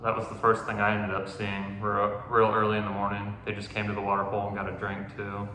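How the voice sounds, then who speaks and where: A young man chats casually about a hunt, rambling along and leaning hard on fillers. His voice is bright and forceful but sits a little low. The room is very echoey, with a long reverb tail and faint background noise. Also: completely flat delivery, fast. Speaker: podcast host. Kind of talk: casual hunting story chat.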